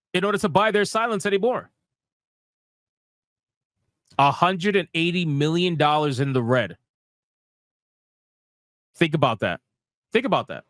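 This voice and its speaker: The host of a gaming news livestream, a man with a high, somewhat bright voice, comes through in clean studio sound without room noise. He riffs casually with swearing and slang, emphatic and sarcastically mocking, repeating phrases for effect.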